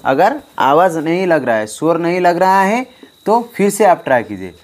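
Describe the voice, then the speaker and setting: This harmonium teacher has a fairly high, very animated voice at normal speed, with a little hiss or hum on the recording. Addressing his online students directly, he keeps repeating important points with emphasis over faint harmonium.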